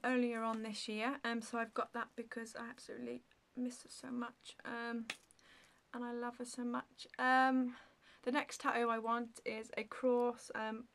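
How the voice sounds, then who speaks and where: A woman's voice: a little high, vocal fry, a bit bright. Rambling woman vlogger, full of ums. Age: 30s. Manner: rambling, with many ums and likes; talks to the camera, answering viewer questions. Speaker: beauty vlogger. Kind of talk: casual Q&A vlog.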